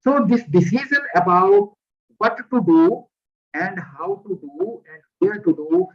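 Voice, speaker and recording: A man's voice: sits high, lively intonation, unhurried. Man lecturing over a muffled call. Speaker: visiting lecturer. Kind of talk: online lecture. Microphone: headset. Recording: muffled lo-fi video call audio.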